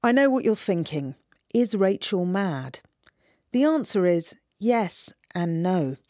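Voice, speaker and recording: Woman reporter narrating a documentary, lively lilting voice, mellow tone, dry close sound. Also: on the low side, no room sound. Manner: measured, expressive storytelling.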